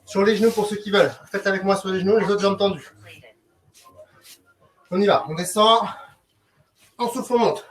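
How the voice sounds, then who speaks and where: Leading a group workout, a man with a high-pitched voice speaks at a moderate pace, leaving long pauses between short instructions that are both commanding and encouraging. Recorded on a distant mic, the audio has background noise and clicks.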